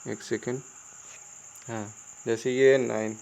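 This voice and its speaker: An Indian man teaching English spelling in Hindi. He talks casually, spells words out letter by letter and keeps asking the viewers whether it is clear. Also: medium pitch, level tone, slow pace, a little mellow. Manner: chatty, asks the viewers "clear?" often. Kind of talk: casual Hindi classroom explanation.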